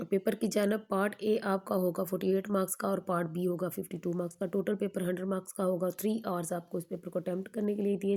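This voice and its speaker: A woman teacher going through an exam paper question by question, stating each answer in a steady, explanatory way. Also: medium pitch.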